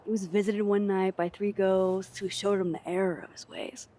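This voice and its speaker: A woman's voice: mid-range voice, little pitch movement, moderate pace, mellow, a little hiss or hum, lightly acted. An actress voicing a sarcastic, guarded young woman in a video game, with dry asides that sometimes drop to a whisper. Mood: wry. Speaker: game protagonist, photography teacher.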